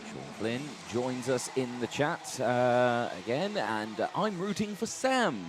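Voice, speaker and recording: A man's voice: mid-range voice, lively intonation, takes it slowly, noisy background. A man giving conversational live motorsport commentary as a co-commentator.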